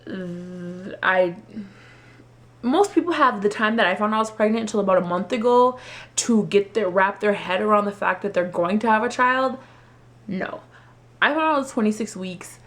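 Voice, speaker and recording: A young woman vlogger casually telling a personal story, animated and acting out quotes in a higher voice. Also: normal speed.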